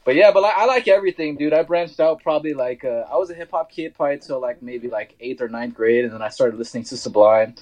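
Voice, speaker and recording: A man's voice: mid-range voice, fast talker, few pauses, a little mellow, lo-fi sound. A man in his thirties hosting a podcast, talking in a laid-back, slangy way. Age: 30s. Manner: laid-back, slangy, says "dude" and "bro". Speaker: podcast host. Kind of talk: casual interview chat.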